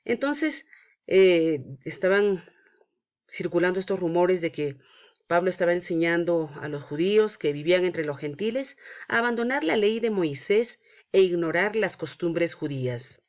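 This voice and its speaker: A woman's voice: on the low side, animated, normal speed, darkish tone. Woman Sunday school teacher, storytelling for kids, slightly muffled lo-fi sound. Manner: prays then narrates a Bible story to children. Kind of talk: Bible story lesson for children.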